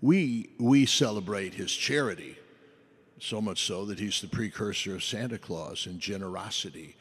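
A man speaking as a priest at Mass, solemn and measured, preaching and praying in liturgical style. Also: lowish voice, breathy edge. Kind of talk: homily and liturgical prayer. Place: church during Mass. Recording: background noise behind the voice.

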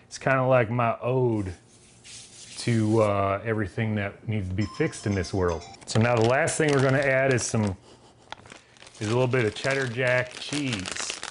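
A man's voice: mid-range voice, background noise. Southern guy rambling thru a recipe, folksy, lots of uh's, regular mid voice. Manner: folksy, rambling, with loose grammar and frequent filler words. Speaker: home cook demonstrating a recipe. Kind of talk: casual cooking demonstration.

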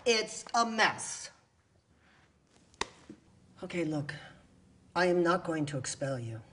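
A woman's voice: fairly low pitch, sing-song, slow, a bit bright, heavily acted. A woman playing a tired school administrator who scolds but gives a second chance. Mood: weary. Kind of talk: film drama acting. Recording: distant mic with faint noise.

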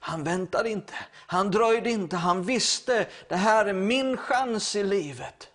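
A man's voice: a little high, a bit bright. A man preaching a sermon, retelling a Bible story with acted quotes and stammering restarts.

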